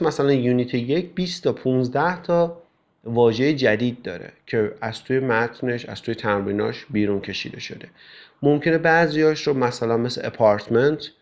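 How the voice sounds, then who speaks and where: A male English teacher explains step by step how to study with a textbook, often using filler sounds. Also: medium pitch. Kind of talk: classroom explanation. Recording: slightly dull, lo-fi recording.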